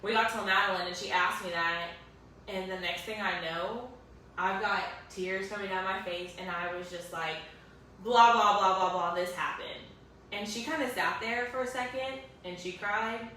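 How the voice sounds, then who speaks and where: A woman's voice: mid-range voice, normal speed, pushed and bright. Earnest young woman, echoey room. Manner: earnest, emotional, many fillers. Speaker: guest sharing her story. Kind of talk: emotional personal storytelling. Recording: echoey room, distant mic, faint hiss.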